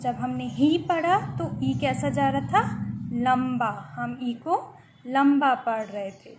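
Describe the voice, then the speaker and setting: A woman's voice: sits high, slow pace, background noise. A woman teacher with an Indian English accent, giving a grammar lesson to young children and spelling words out letter by letter while switching between English and Hindi.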